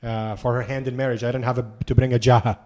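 A man's voice: mid-range voice, level tone, fast talker, darkish tone. A man chatting casually and joking as a podcast co-host, laughing often. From grew up between the Gulf, Jordan and Canada. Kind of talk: casual chat.

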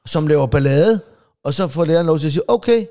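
A man's voice: a little high, warm tone. A man, a comedian co-hosting a podcast, chatting casually and making jokes. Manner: joking, quick agreeing interjections. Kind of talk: casual chat.

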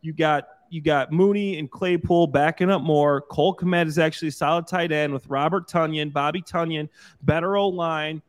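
A man who is a former pro football player turned analyst, talking football in an upbeat, joking, energetic way. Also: on the high side, normal speed. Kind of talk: casual sports talk.

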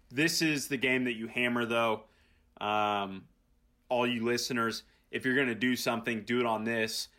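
A man's voice: fairly low pitch, bright, forceful tone. A man co-hosting a casual sports podcast, his voice scratchy and tired, with laid-back, easygoing banter. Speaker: podcast co-host.

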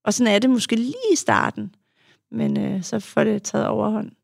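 A young woman speaks frankly about her past and her work, pausing for thought with fillers. Her voice is heavily gravelly with vocal fry. The sound is close and dry, with no room echo. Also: mid-range voice, steady tone. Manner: frank, reflective, with frequent fillers. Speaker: guest, adult child of an alcoholic; youth therapist. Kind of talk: candid conversational storytelling.

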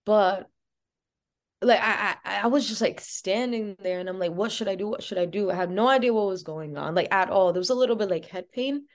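A woman's voice: mid-range voice, normal speed. A woman as an interview guest, telling a personal story in a casual, chatty way with many "like" fillers.

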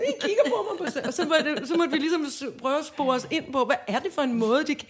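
A woman co-hosting a casual chat podcast, an animated storyteller who acts out voices, laughs often and hesitates a lot. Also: high voice, slight background noise. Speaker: podcast co-host.

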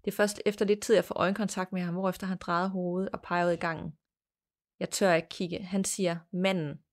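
A woman hosting a podcast, reading a listener's ghost story aloud in a measured, plain storytelling manner. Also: fairly low pitch, little pitch movement. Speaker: podcast host.

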